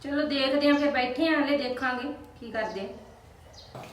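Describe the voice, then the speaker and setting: This is a demanding, fault-finding village aunt who complains about every cup and biscuit, played by a woman. Her voice sits high and her tone is sneering. The recording is roomy, with faint hiss and a mic set well back. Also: a little slow. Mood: grumbling. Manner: nagging, scornful complaints. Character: grasping middle-aged village aunt, always demanding. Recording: echoey room, distant mic.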